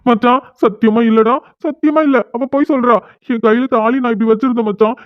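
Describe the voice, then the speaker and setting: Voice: mid-range voice, fairly even intonation, fairly quick, dry recording, natural voice. A performer voicing a sulky young man in a cartoon who whines and pleads after an unwanted marriage. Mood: whiny. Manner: whining, pleading. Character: young man, whiny, sulking new husband. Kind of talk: cartoon dialogue. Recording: tinny phone-like sound.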